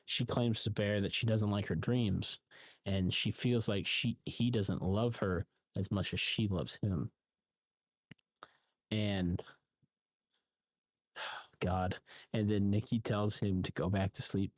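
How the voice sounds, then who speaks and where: Male reviewer, lower voice, rambling halting delivery, dry booth sound. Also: darkish tone, no room sound. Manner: rambling, halting, frequent ums and restarts. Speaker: film reviewer. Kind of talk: casual spoken recap.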